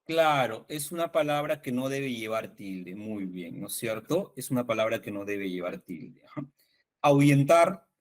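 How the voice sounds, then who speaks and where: A man's voice: mid-range voice, animated, measured pace. A man with a Peruvian accent teaching an online spelling workshop to fellow teachers, asking questions and confirming the answers. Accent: Peruvian Spanish. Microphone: video call.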